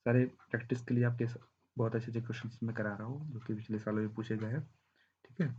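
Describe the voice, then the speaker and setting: A man's voice: medium pitch, fairly even intonation, fast talker, a little mellow, husky, muffled recording. A man teaching a math lesson with a sore throat, walking through the arithmetic step by step and checking in often. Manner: walks through arithmetic step by step, often saying "thik hai".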